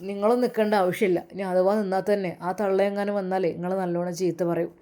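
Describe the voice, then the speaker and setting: A woman's voice: mid-range voice, fairly even intonation, quick pace, dark tone, pitched below the performer's own voice, lightly acted. A woman voicing a firm, protective young man from Malappuram who talks in a stern, insistent way. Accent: Malappuram Malayalam.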